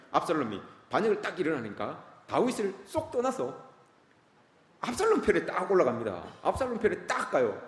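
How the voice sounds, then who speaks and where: A man preaching a sermon as pastor, animated and often putting questions to the congregation. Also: on the high side. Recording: echoey church hall.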